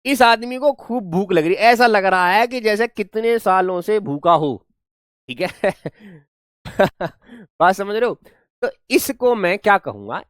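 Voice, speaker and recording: A man's voice: high-pitched, a bit bright, clear, resonant tone, dry recording, clean studio sound. A man teaching an online English class, mixing Hindi and English, spelling words out letter by letter and scolding students playfully. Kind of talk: online class lecture in Hinglish.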